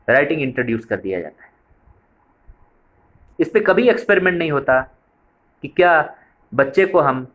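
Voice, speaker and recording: A man's voice: fairly high pitch, a bit bright. A man giving a training lecture on a preschool method, explaining step by step and repeating points for emphasis.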